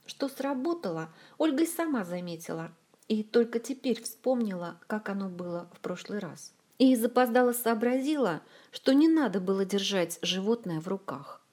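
A woman reading a humorous fantasy novel aloud as an audiobook narrator, in a lively storytelling manner. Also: medium pitch, normal speed. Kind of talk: scripted narration.

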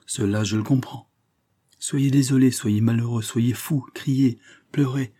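A man reading an audiobook, voicing a resolute old grandfather who reasons in a measured, firm way. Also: medium pitch, fairly even intonation, dark tone, close to an everyday voice. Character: grave, resolute grandfather, protective and calm.

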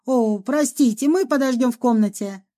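A woman's voice: a little high, warm tone, close to an everyday voice. Woman doing a courteous ghost doctor. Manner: courteous, measured. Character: polite gentlemanly male ghost doctor, calm.

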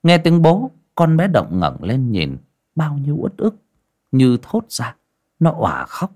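A man narrating a folk horror story in an expressive, dramatic way. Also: a little high, unhurried, husky.

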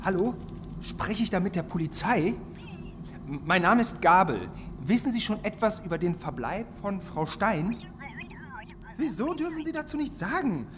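A man's voice: high-pitched, very animated, noisy background. An actor playing a nervous, earnest man who wants to be a superhero, in a radio drama. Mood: frightened. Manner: nervous, hurried. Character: flustered would-be superhero man, anxious and earnest.

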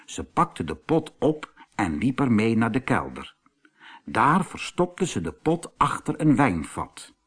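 A man reading a Dutch fairy tale aloud as narrator, in a calm, measured manner. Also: medium pitch, slightly rough. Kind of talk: storybook reading.

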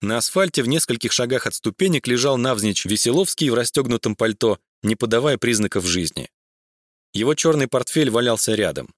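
Guy reading a detective audiobook, lively pitch, dry close sound. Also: brisk, no room sound. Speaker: audiobook reader. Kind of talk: scripted narration.

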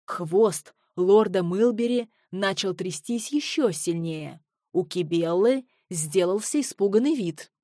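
Woman reading a storybook aloud, slow and calm, dry close mic. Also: medium pitch, no echo. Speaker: audiobook narrator. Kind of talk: storybook narration.

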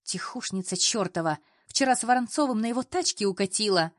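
A woman voicing a jealous young female colleague who is shrill and picks fights. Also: a little fast, no echo, studio quality, close to an everyday voice. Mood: furious. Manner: shrill, scandal-making.

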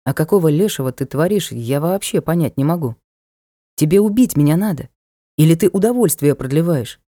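A woman's voice: sits low, lively intonation, fairly quick, warm tone, dry recording, clean studio sound. A woman voicing a blunt teasing knight. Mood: brusque. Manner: brusque, teasing, matter-of-fact. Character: blunt mocking young male knight. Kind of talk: audiobook character voice.

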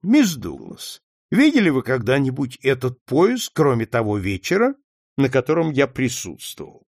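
A man voicing a calm, shrewd male detective who questions gently and conciliatorily. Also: mid-range voice, moderate pace, no room sound, studio quality. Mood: calm probing.

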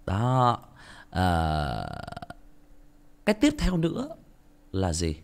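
A man's voice: deep voice, wildly swooping pitch, very slow, clean tone. A man with a Northern Vietnamese accent, an audiobook narrator talking bluntly and self-mockingly to his listeners in a casual monologue.

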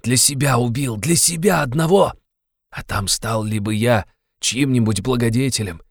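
A man's voice: medium pitch, normal speed, no echo, studio quality, pitched above the performer's own voice, natural voice. A man reading an audiobook, playing a tormented young man who confesses in a brooding, agitated way. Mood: feverish confession. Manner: brooding, agitated, bitterly insistent.

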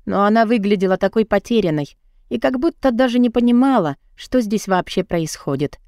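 A woman narrating a novel in the first person, in an even storytelling manner. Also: mid-range voice, fairly quick, dry recording, clean studio sound. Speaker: audiobook narrator.

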